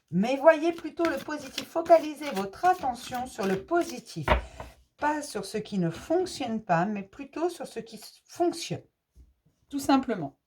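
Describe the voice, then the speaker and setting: Gentle higher-voiced woman giving daily advice. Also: slight background noise. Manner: gentle, repetitive, reassuring; warmly addresses viewers as dear ones. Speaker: host of a daily oracle-card message. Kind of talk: casual spiritual advice to viewers.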